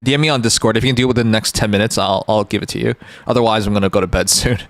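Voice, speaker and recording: A man's voice: lowish voice, fairly even intonation, very fast, no echo. A man hosting a livestream, chatting informally and jokingly with his viewers into a close microphone. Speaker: live streamer, host. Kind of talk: casual livestream chat with viewers.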